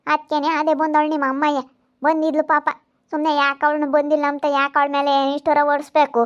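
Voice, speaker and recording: High-voiced soothing village woman. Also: completely flat delivery, fast talker, dull audio. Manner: soothing, scolding elder. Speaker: actor in a village family drama. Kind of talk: amateur family drama acting.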